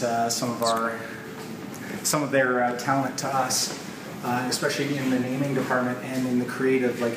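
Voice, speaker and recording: A Canadian-accented software developer in his thirties, medium in pitch, presents a product informally, explaining things and thinking aloud conversationally. He is indoors in a large open office loft, picked up by a camera mic a few metres away. The noisy recording is echoey, with clear background room noise.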